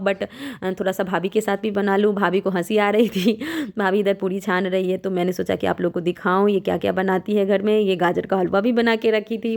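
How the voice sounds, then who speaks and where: A young woman narrates a casual family vlog, speaking straight to her viewers. Her voice has a gravelly fry at a middle pitch. She films on a handheld phone as she walks around her family's village home. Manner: chatty, warm narration to viewers, often addressing them directly. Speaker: vlogger.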